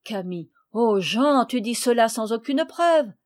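A woman reading the part of a gentle, sensible girl who softly reproves the boys. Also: a little high, lively intonation, unhurried.

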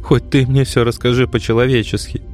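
A man voicing a frantic young woman hunting for her missing son, pleading and close to shouting in an audiobook. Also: mid-range voice, flat delivery, brisk, soft background music, voice pushed up, close to an everyday voice. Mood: desperate. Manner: pleading, strained, on the edge of shouting. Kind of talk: audiobook character voice.

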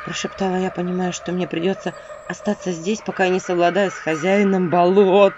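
A woman narrating a first-person audiobook in an expressive, wry storytelling manner. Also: fairly low pitch, brisk. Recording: dull audio with faint noise.

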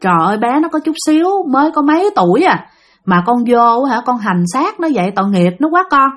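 A woman voicing a kindly male Buddhist monk who speaks softly and coaxingly. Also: a little high, sing-song, a little fast. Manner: soft and coaxing.

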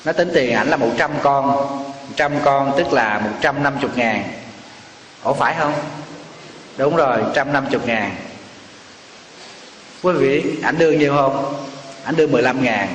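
A man's voice: medium pitch, moderate pace, pauses often, fairly bright tone, slight background noise. A man, a Buddhist monk telling a story in a sermon and asking the audience questions. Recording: echoey hall, faint ambience.

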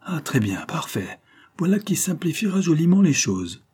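A man's voice: fairly low pitch, normal speed, dark tone, slightly rough. A man reading aloud and voicing a scheming, ruthless female adventurer with commanding, triumphant speech and hissed asides. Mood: gloating. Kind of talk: audiobook character reading.

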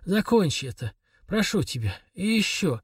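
A man voicing a dying, broken father who speaks in a weak, raspy whisper. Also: high-pitched, very animated, moderate pace, dry recording, clean studio sound, pitched above the performer's own voice, heavily acted. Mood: weak, pleading.

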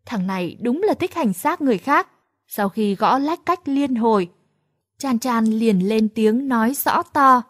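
A woman narrating a first-person story in a lively, exasperated comic tone. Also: on the high side, unhurried, no room sound, studio quality. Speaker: audiobook narrator.

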